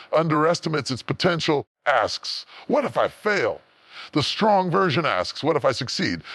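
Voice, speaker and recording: A man's voice: on the high side, fairly bright tone, no room sound. A man delivering a motivational speech, emphatic and rhythmic, building repeated phrases to sudden roaring peaks.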